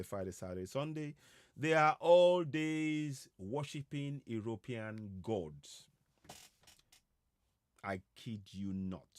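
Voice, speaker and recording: Hosting an online broadcast, a man gives a live advocacy talk to his viewers at a medium pitch. A native Yoruba speaker from Yorubaland, West Africa, he talks slowly, haltingly, and repetitively, hesitating often. The audio is dry and studio-clean.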